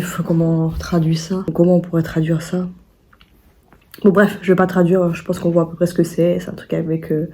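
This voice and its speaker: A woman's voice: fairly low pitch, warm tone. A young woman vlogging at home in a rambling, chatty way, full of restarts and fillers. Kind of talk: casual vlog chat. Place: at home indoors.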